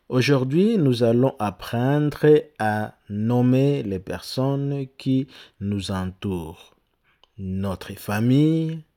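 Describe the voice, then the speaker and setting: A man teaching an English lesson to pupils, repeating each word slowly so they can copy it, with hesitant fillers and restarts. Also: medium pitch, mellow. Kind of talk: slow language lesson.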